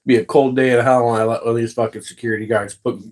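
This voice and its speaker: A man's voice: mid-range voice, steady tone, quick pace. A man hosting a casual livestream, chatting with viewers and ranting with heavy profanity. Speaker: livestream host.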